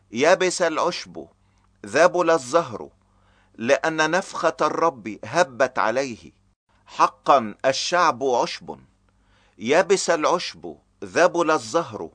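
A man reading a chapter of scripture aloud in a slow, measured, grave recitation. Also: on the high side, a bit bright, no room sound. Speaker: scripture reader. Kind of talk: solemn scripted Bible reading.

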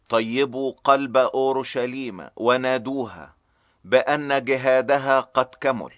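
Slow, solemn male scripture reader. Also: mid-range voice, a bit bright, no echo. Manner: slow, measured, grave recitation. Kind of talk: solemn scripted Bible reading.

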